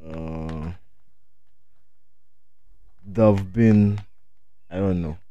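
A man's voice: sits low, extremely slow, no echo, highs cut off. A young man chatting casually as a guest, laid-back and hesitant, using street slang. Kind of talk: casual chat.

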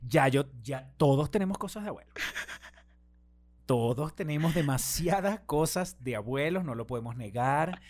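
A man's voice: a little high, expressive, normal speed, a little mellow. Venezuelan guy hosting a chat, voice all over the place, teasing and mimicking. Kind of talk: casual chat.

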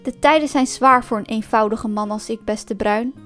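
A woman's voice: fairly high pitch, moderate pace, faint music behind, close to an everyday voice. Woman playing Reinaard the sly fox. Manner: sweet-talking, feigning friendliness, mocking. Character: sly cunning male fox, smooth and mocking.

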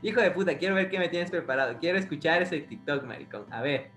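A man's voice: on the high side, lively intonation, brisk, a bit bright, roomy sound, faint music behind. A man with an Ecuadorian accent, hosting a podcast, telling a story in casual chat with a lot of swearing and mouth sound effects. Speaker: podcast host.

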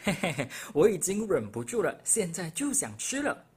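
A young man voicing a hungry wolf in a storybook reading, rough and breathy. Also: sits high, sing-song, moderate pace, heavily acted. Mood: greedy. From Malaysia. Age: young adult. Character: big hungry wolf, eager then sheepish.

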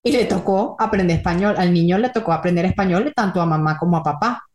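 A woman's voice: fairly low pitch, fast, darkish tone. Woman co-host in an echoey room. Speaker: podcast co-host. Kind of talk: casual chat.

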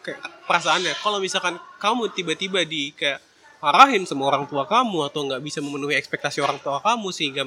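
A man's voice: a little high, bright, forceful tone, a little hiss or hum. A man talking casually to his viewers, giving advice in a chatty, slangy way and slipping in English phrases.

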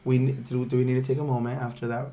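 A man's voice: medium pitch, level tone, racing, warm tone, a little hiss or hum. A man co-hosting a podcast in casual chat. He is playful, laughs often, and trails off and restarts his sentences. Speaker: podcast co-host.

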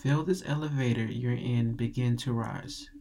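A man narrating a guided meditation in a calm, soothing, measured meditative tone. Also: medium pitch. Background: music.

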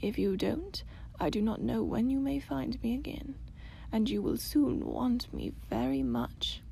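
A woman voicing a gentle, wise, very old grandmother in a storybook, speaking in a soft, hushed half-whisper. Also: fairly high pitch, sing-song, unhurried, creaky, slight background noise, heavily acted. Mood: solemn.

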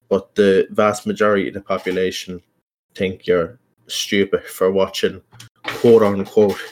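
Low-pitched young Irish man, casual podcaster. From Ireland. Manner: informal, sweary, self-conscious rambling. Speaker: podcast host. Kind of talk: casual solo podcast chat.

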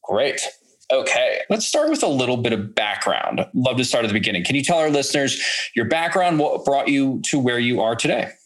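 A male podcast co-host reads a scripted guest introduction in an upbeat, smooth way. His pitch sits in an ordinary middle range. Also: big pitch swings, brisk, a bit bright.

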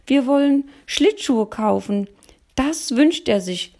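Woman doing a proud, excited boy of nine with a high, gravelly voice, storybook reading. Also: takes it slowly, full character voice. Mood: earnest. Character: eager poor boy about nine, protective. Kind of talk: audiobook reading.

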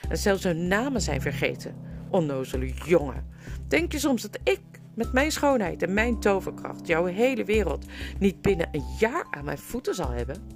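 A woman's voice: medium pitch, very animated, normal speed, gravelly, voice pushed up. A woman voicing a proud, cruel adult queen in an audiobook, speaking in a haughty, commanding and scornful way. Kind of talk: audiobook character voice. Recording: music playing underneath.

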